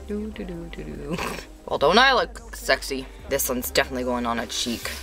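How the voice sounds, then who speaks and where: A woman's voice: deep voice, animated, moderate pace, gravelly, fairly bright tone. A woman casually reviewing a sheet mask, talking through a hand held over her mouth, with chatty, giggly, self-deprecating asides. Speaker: beauty vlogger.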